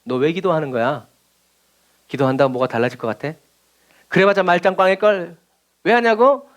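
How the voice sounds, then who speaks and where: A preacher voicing Satan as a low, mocking tempter who whispers doubts. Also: male voice, brisk, lightly acted. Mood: taunting.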